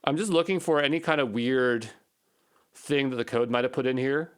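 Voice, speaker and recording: A male instructor walks through code without a script, reasoning aloud and repeating short phrases under his breath as he figures things out. He speaks at medium pitch and a moderate pace, with a clean tone.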